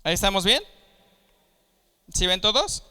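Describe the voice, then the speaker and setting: A male preacher teaching from the Bible, his voice high, bright and smooth. He talks slowly and explains each point patiently. His words ring out with a long reverb, as in a church hall. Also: sing-song. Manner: explains step by step, checks with listeners.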